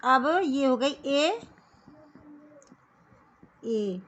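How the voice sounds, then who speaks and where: Slow, high-voiced woman teaching children. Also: lively intonation, a bit bright, dull audio. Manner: patient, addresses kids as beta. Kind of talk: children's Hindi lesson.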